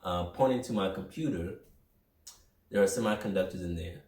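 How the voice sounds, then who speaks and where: A young man hosting a podcast, talking through a personal motivational monologue in an energetic, rambling, self-reflective way. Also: sits low, normal speed. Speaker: podcast host. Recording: roomy echo, mic at a distance.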